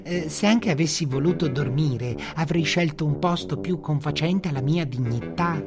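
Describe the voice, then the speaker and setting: A man voicing a crafty, flattering army commander who answers in a high, soothing sing-song, with music behind. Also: normal speed, close to an everyday voice. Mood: coaxing. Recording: music bed under narration.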